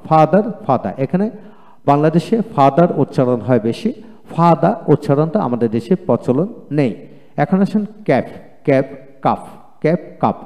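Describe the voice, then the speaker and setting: Man drilling pronunciation in a reverberant room. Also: on the high side. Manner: drills each word by repeating it, calm explanatory tone. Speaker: English pronunciation teacher. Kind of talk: video lecture, repeating words twice.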